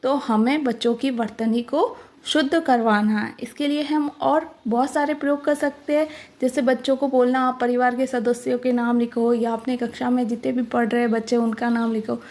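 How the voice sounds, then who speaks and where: A woman teacher slowly explaining a workbook, spelling out each word with care. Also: on the high side, flat delivery, darkish tone.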